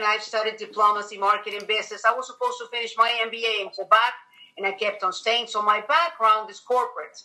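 A middle-aged woman, a native Spanish speaker with a Venezuelan accent, is a podcast guest telling personal stories conversationally in an interview. She chats emphatically in a fairly high, pushed, bright voice. The recording is low quality.

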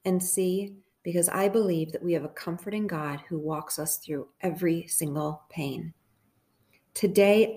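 A woman's voice: fairly low pitch, darkish tone. A woman hosting a podcast, reading an excerpt from her own novel in an intimate, earnest way. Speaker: podcast host.

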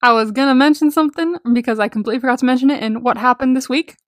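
A young woman co-hosting a podcast, chatting casually and excitably, gushing, swearing freely and rambling with lots of "like". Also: high-pitched, racing, no room sound, clean studio sound. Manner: rambling, peppered with "like". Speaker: podcast co-host. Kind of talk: casual chat about a TV series.

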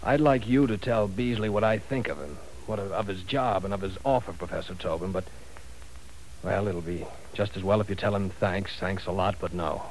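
In a 1940s radio drama, a man with a low voice plays a conscience-stricken professor, bitter and tense, and his lines rise into outbursts. He speaks at a normal pace, and the rough recording carries the faint hiss of old radio.

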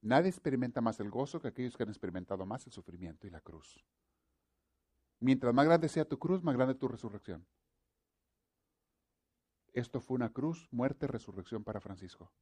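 An earnest male preacher delivers a sermon, circling back over the same points again and again. His voice is warm and mellow, sitting at an ordinary middle pitch. He speaks to his listeners as brothers. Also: lively intonation, moderate pace, pauses often, husky.

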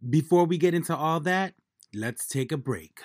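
A man's voice: fairly high pitch, lively intonation, moderate pace. A man hosting a podcast in a casual, joking, slangy manner. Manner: laid-back, joking, slangy. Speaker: podcast host.

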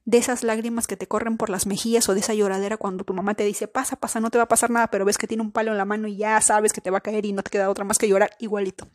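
A woman's voice: mid-range voice, flat delivery, rapid-fire, few pauses, darkish tone, no room sound, clean studio sound. A woman in her thirties hosting a podcast, telling a personal story in a chatty way, speaking straight to her listeners and repeating words as she searches for them. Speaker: podcast host.

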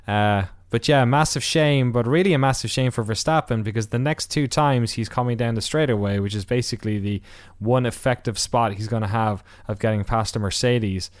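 A man's voice: mid-range voice, brisk, no echo, studio quality. A man hosting a podcast, giving a casual race recap with wry asides, rambling through many fillers and restarts. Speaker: podcast host.

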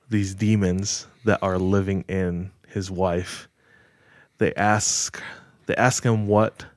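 A man casually retelling a story on a podcast, measured and full of filler words. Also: fairly low pitch, no echo, studio quality. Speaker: podcast host telling a story.

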